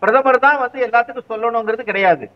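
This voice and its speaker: High-voiced argumentative male guest. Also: fast, dull audio. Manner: argumentative, repeats rhetorical questions. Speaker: political commentator guest. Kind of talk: heated political interview.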